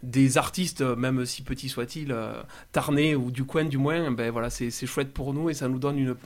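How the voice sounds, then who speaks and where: A man's voice: mid-range voice, fairly even intonation, moderate pace, darkish tone. A man from a guest band, thanking the hosts earnestly and promoting a concert on a local radio show. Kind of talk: casual radio chat.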